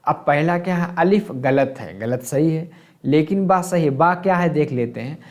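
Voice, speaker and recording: A man's voice: a little high, animated, moderate pace. A man teaching an exam-prep lesson, asking questions and answering them himself and glossing terms in English.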